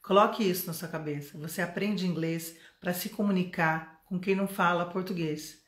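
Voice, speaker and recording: A woman's voice: on the low side, fairly even intonation, moderate pace. A middle-aged Brazilian woman teaching English in a live online lesson, chatty and coaxing, often asking the viewer questions. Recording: roomy echo.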